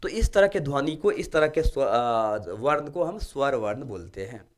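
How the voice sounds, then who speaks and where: A man's voice: mid-range voice, expressive, moderate pace. A male teacher giving a classroom lecture, explaining step by step and checking in with his students. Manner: explanatory, asks students rhetorical check-in questions.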